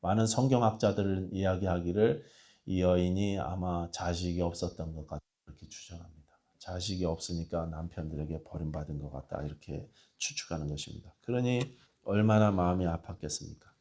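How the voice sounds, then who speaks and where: Low-voiced pastor preaching a sermon. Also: male voice, fairly quick. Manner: storytelling with rhetorical questions; swings between hushed and raised emphasis.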